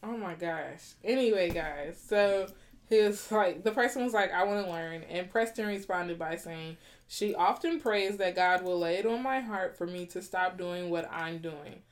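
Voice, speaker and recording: A woman's voice: on the low side, moderate pace. A woman co-hosting a relationship podcast, talking casually and with animation, laughing and teasing her partner. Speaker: podcast co-host.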